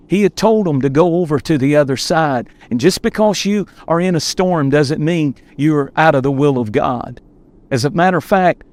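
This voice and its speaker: A man's voice: a little high, a little mellow, no echo. A man, a pastor, preaching a sermon outdoors from a boat on a lake, earnest and emphatic, often repeating himself for weight.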